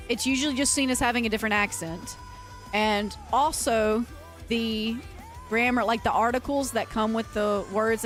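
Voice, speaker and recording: An American livestreamer who is also a metal vocalist talks with her viewers in an on-the-high-side, fairly bright voice. Her chat is casual and earnest, wandering and full of restarted sentences.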